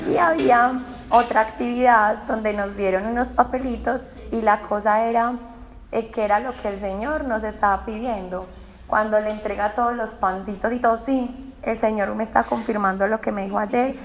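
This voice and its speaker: A woman's voice: on the high side, fairly even intonation, normal speed, a little hiss or hum, poor audio. A woman with a Colombian accent telling her personal faith testimony, with emotional storytelling that quotes her own past words. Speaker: testimony speaker.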